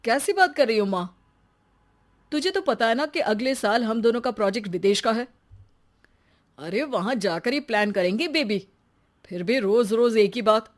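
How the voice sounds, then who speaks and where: Cartoon husband, patient and reasoning, fairly high voice, voiced by a woman. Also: lively intonation, normal speed, pauses often, lightly acted. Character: young husband, calm.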